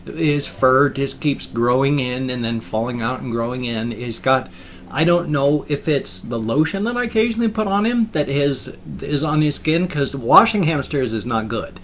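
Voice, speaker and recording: A man's voice: medium pitch, expressive, moderate pace, a bit bright, a little hiss or hum. A man chatting casually and ramblingly to a webcam at home, slightly slurring his words around loose, ill-fitting dentures. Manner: rambling, repeats and rephrases himself. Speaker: vlogger showing pet hamsters. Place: indoors, a room at home. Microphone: webcam setup.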